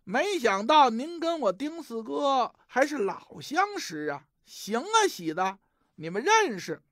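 A man's voice: very high-pitched, big pitch swings, takes it slowly, fairly bright tone, no room sound, clean studio sound, exaggerated voice. A male storyteller voicing a gracious, deferential host in dramatic dialogue. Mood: chatty, pleased. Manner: deferential, chatty, welcoming. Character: gracious, eager male host welcoming gentlemen guests.

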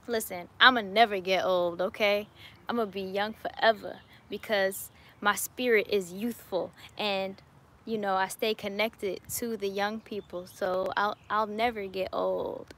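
Unhurried and steady, this late-twenties woman speaks at medium pitch with a fairly bright tone. She's outdoors in her garden answering live chat as a YouTuber, holding a phone or webcam at arm's length and staying upbeat with frequent laughter.

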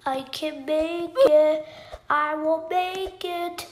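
Excitable young girl narrating gameplay. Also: high voice, drawn-out words, roomy sound. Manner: bubbly, exclaims and gasps often. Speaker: gaming YouTuber.

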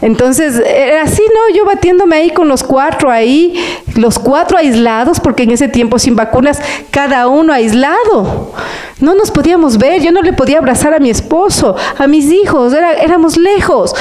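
Emotional woman preacher with a higher voice. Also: expressive, moderate pace, a little mellow. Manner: emotional, pitch jumps up and down for emphasis; addresses listeners as brothers.

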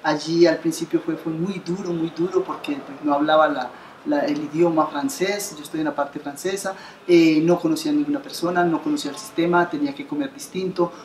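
Low, steady and somewhat dark, her voice moves briskly, with slight background noise. This association founder from Colombia, in her fifties, is interviewed in a bright living room by a window, where the sound is roomy. She tells her story earnestly, gesturing, with many restarts and repeated words.

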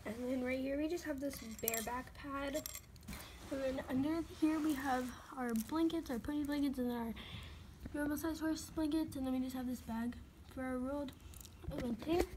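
A woman's voice: high-pitched, fairly even intonation, normal speed, noisy background. A woman casually narrating a tour of her toy horse barn, listing items in a chatty way and sometimes dropping to a whisper, recorded on a handheld phone indoors. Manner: chatty listing, soft at times, slips into whispers. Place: carpeted room at home, indoors. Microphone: handheld phone camera, unseen speaker.

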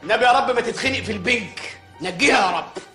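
A squeaky rapid-fire egyptian village mayor, ranting, bright sharp voice. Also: male voice, roomy sound, faint music behind. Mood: anxious. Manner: ranting, exasperated, wisecracking. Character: blustering, quick-tempered male village mayor. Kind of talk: comedic film acting.

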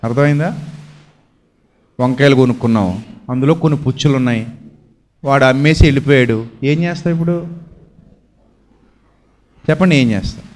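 A man preaching a sermon, asking his listeners questions and answering them himself with homely everyday examples. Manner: swings between a low, quiet voice and raised, drawn-out emphatic lines.

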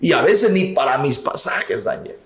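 A man recounts his testimony as an evangelist. His voice sits a little high and turns emotional, at times pushing almost to a shout. The sound is roomy and echoey. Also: expressive, moderate pace. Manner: emotional, rising to near shouts. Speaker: evangelist guest. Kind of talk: testimony storytelling.

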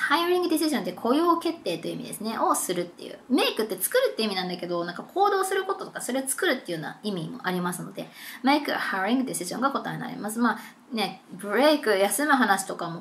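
A young woman tutoring for a test in a casual, chatty lesson, reading passages slowly. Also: on the high side, fairly bright tone, slight background noise. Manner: chatty, mixes Japanese and slowly read English.

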